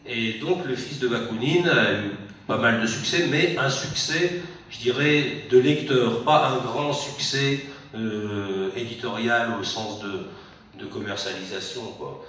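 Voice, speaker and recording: A man's voice: mid-range voice, measured pace, fairly bright tone, a little hiss or hum. A man translator, born abroad and raised in France, speaking at a public book event, hesitant with many restarts. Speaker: literary translator. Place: meeting hall. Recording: echoey hall from far off.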